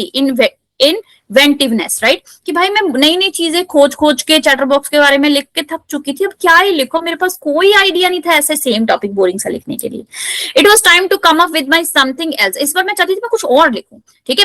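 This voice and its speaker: Bright high-voiced woman teacher. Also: no echo. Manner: explains in Hindi, reads English text slowly; lively, playful asides to students. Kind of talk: chapter explanation lesson.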